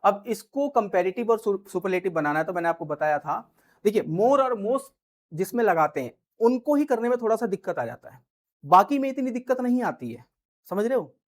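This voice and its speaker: A man teaching English grammar, who reads example sentences slowly and keeps checking that students follow. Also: sits high, sing-song. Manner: slow, drawn-out reading of English example sentences; explains patiently, with frequent check-ins to students. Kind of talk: grammar lesson in Hindi.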